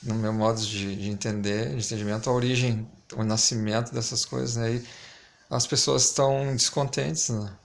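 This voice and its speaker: Low-pitched gravelly man, slurring slightly around retainer. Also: steady tone. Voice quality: slightly lisped, stumbling articulation from a dental retainer. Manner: hesitant, reflective, pausing often. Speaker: amateur video maker. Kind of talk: casual talking to camera, unscripted reflection.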